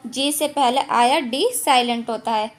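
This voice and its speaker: A woman's voice: on the high side, steady tone, measured pace. A woman teaching English silent letters in an online lesson, patiently repeating each rule and asking herself questions before answering them.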